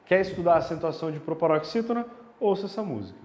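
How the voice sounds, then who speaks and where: A man teaching a grammar lesson, animated and checking in with the viewer through rhetorical questions. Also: fairly high pitch, quick pace. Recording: roomy with a long reverb tail.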